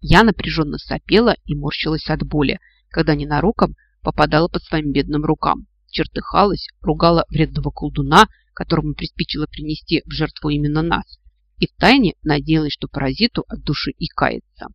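A man's voice: a little high, fairly quick, no echo. Man reading a storybook, dull dry audio. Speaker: audiobook reader. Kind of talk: storybook narration.

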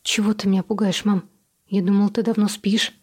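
A woman's voice: mid-range voice, little pitch movement, brisk, darkish tone, husky, natural voice. A woman voicing a patient but exasperated young adult daughter who talks in a weary, reasoning tone.

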